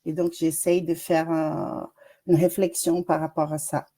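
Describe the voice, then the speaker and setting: Slow, mellow woman with a Brazilian accent. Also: sits low, little pitch movement. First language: Portuguese. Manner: hesitant, many fillers and restarts. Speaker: doctoral student presenting research. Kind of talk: academic webinar presentation. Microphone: video call.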